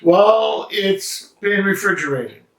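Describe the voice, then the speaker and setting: Man, casual reviewer, halting and filler-heavy, fairly high voice, strong echo, set back from the mic. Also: lively intonation, creaky. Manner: halting, chatty, many fillers. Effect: strong room echo. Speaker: cigar and drink reviewer. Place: indoor study. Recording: echoey room, mic at a distance.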